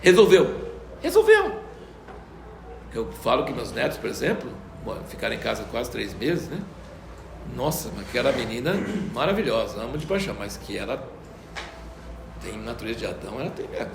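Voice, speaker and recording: An older man teaches a Bible lesson. He tells stories in an animated way and acts out the voices of the people he quotes. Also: mid-range voice, brisk, vocal fry, background noise. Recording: roomy echo.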